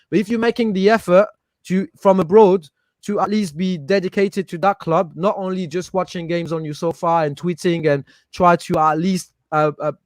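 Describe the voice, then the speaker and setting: A football-loving guest from Paris, high-voiced and French-accented, makes his case during an informal podcast chat. He speaks with passion, tripping over repeated words while he looks for the right expression. The audio is close and dry, lacking any room sound.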